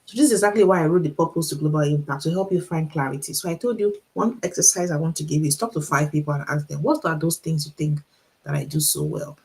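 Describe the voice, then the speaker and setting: On a livestream, a middle-aged Nigerian-accented author and motivational speaker delivers an encouraging talk, repeating key points and posing rhetorical questions. She speaks deliberately so listeners can follow, and her low, darkish voice comes through a rough recording.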